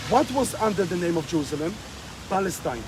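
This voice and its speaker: A man's voice: high voice, lively intonation, brisk, over music, poor audio. A man being interviewed outdoors on a rainy street, speaking emphatically and repeating himself as he presses his points. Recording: street noise and passing cars.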